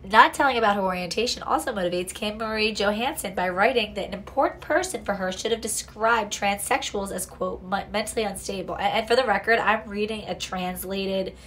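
Speaking from a small home room, this young adult woman covers true crime in a frank, profane style, full of sarcastic digressions and frequent restarts. Her medium-pitched voice is somewhat bright, with a bit of background noise.

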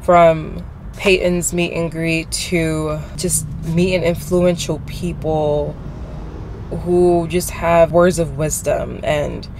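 Young woman vlogging in a noisy car. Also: lowish voice. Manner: heartfelt, repeats phrases for emphasis, prayerful. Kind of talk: reflective car vlog talk. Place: inside a car at night, traffic outside. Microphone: camera mounted on the dashboard. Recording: loud road and car noise.

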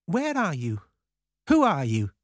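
A narrator voicing a young woman, a curious orphan rock star, in a skeptical, questioning way with lively intonation. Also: mid-range voice, takes it slowly, no room sound, clean studio sound, pitched above the performer's own voice.

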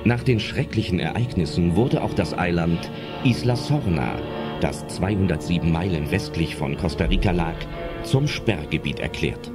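With loud music underneath, a low-voiced man tells a suspenseful adventure audio drama in a scripted storyteller style. His intonation is lively and his speed normal.

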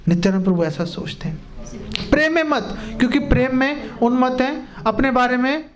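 A man, a spiritual teacher, telling a sermon story to a live audience, animated and joking with his listeners. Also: very high voice, normal speed.

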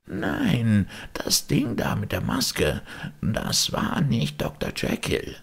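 A man doing a gravelly, frightened old servant. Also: fairly low pitch, wildly swooping pitch, unhurried, pitched above the performer's own voice, heavily acted. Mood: fearful. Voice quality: gravelly, raspy. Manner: hushed, anxious and pleading. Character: frightened old male servant, loyal and trembling. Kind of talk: audiobook character reading.

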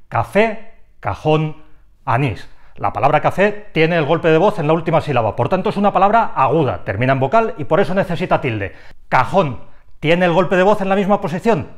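A man explaining grammar rules in a clear, methodical way, calling out numbered headings. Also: fairly high pitch. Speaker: language teacher.

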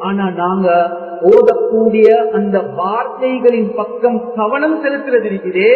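A man's voice: high-pitched, a little slow. A man giving an Islamic sermon, addressing listeners as respected brothers and friends and chanting Arabic verses. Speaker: preacher. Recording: tinny, echoey hall from far off.

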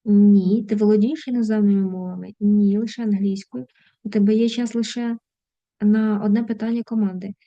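A woman's voice: mid-range voice, steady tone, moderate pace, warm tone, no echo, lo-fi sound. A woman with a Ukrainian accent, an English teacher reading out words and translating them during an online lesson.

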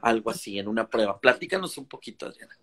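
A man's voice: on the low side, expressive, fast, sharp tone. A man from Mexico interviewing a guest over a live video call, admiring and wordy, with many fillers. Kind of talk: casual interview chat.

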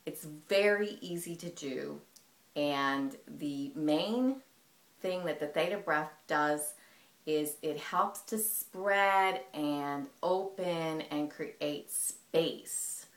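A woman teaching a breathing technique in a calm, explanatory way. Her voice sits low, and the room around her gives it a noticeable echo. She speaks like an instructor guiding a demonstration. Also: extremely slow. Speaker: movement teacher. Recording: echoey room.

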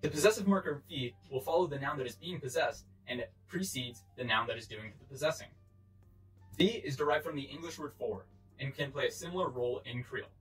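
A man's voice: mid-range voice, expressive, fairly quick, a bit bright, soft background music, poor audio. A man in his twenties giving a formal, explanatory scripted educational narration. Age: 20s. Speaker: presenter.

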